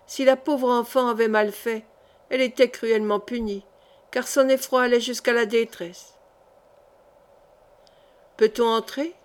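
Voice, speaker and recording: A woman narrating a historical novel as an audiobook, in a measured, expressive reading. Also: on the high side.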